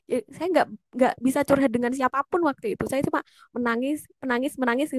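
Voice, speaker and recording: A woman speaker at a women's study session tells a personal story in an earnest, emotional way, often pausing to search for words. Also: high-pitched, fairly even intonation, no echo, rough recording. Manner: hesitant, with many fillers and restarts.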